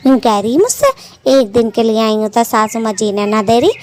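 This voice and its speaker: A woman's voice: on the high side, fairly even intonation, moderate pace, darkish tone, natural voice. A woman playing a scolding old mother-in-law bird. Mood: complaining. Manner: scolding, taunting, rustic village speech.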